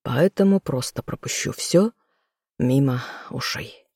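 An audiobook reader voicing a weary, stern king who speaks calmly and condescendingly. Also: medium pitch, unhurried, husky, no echo, clean studio sound. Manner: calm, condescending, firm. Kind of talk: audiobook role reading.

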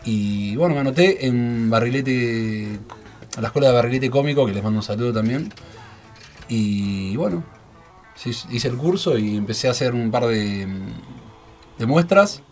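On the radio, a guest comedian from the Rioplatense region of Argentina, in his thirties, chats loosely, rambling through fillers and breaking into laughter again and again. His mid-range voice has a darkish tone and lively intonation, and he keeps a moderate pace over soft background music.

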